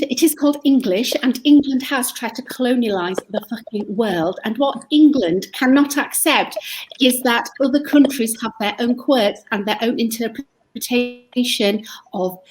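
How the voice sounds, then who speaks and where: A woman comedian rants through a mock debate, emphatic and full of swearing. Her voice sits a little high for a woman, with a faint hum of noise behind her. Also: darkish tone, rough recording. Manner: emphatic, profane ranting. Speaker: comedian panelist.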